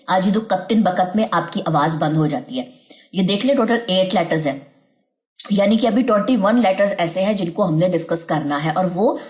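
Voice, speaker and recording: A woman teaching a recitation lesson, drilling sounds slowly syllable by syllable and often checking in with her students. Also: medium pitch, a little mellow. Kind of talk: tajweed lesson. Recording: echoey room.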